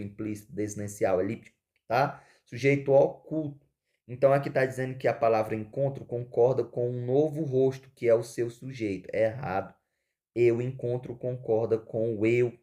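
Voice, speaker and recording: Man, teacher, exam walkthrough, warm mellow tone, repeats key words, asks and answers his own questions. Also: fairly low pitch.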